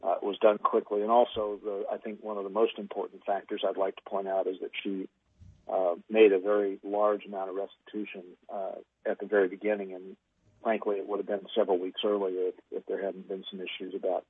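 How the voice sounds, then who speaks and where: A man's voice: deep voice, little pitch movement, a little fast, breathy edge, no room sound, narrow, tinny audio. A man arguing in court as defense attorney, hesitant and full of fillers. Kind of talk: courtroom argument.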